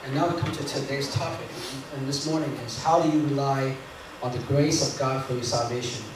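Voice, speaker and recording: A man interpreting a sermon into English live, in a quick, somewhat hesitant way. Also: medium pitch, fairly even intonation, crowd noise. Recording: echoey hall, distant mic, noise.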